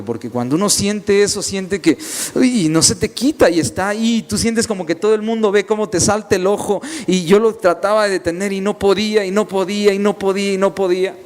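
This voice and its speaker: A man's voice: high voice, fairly quick. A young man preaching a sermon, telling personal stories with repeated, emphatic phrasing. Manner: storytelling, repetitive emphatic phrasing. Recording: long reverb, faint ambience.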